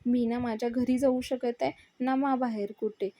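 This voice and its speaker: A woman reading out a distressed young woman, higher and mellow, agitated questions, dry close sound. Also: fairly even intonation, moderate pace, no echo. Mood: pleading. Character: young woman, anxious and upset.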